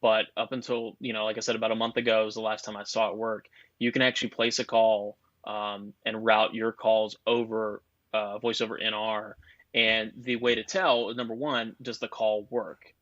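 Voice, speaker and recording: Low-voiced man explaining tech, muffled. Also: level tone, moderate pace, fairly bright tone, no echo. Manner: explains technical details at length, chatty. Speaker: guest telecom expert. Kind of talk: casual podcast chat.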